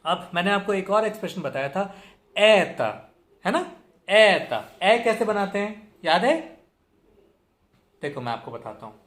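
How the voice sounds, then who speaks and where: A man's voice: sits high, expressive, normal speed, a bit bright. A young man teaching a language lesson, patiently explaining, repeating example words with strong stress and often checking in with listeners. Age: young adult. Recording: echoey room.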